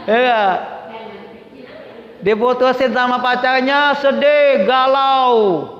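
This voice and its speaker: A man teaches a religious lesson at a slow, deliberate pace. He keeps asking his listeners questions in a call-and-response way. The recording is dull and lo-fi, with a long echoey hall sound. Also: very high voice. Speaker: Islamic teacher. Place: prayer room gathering.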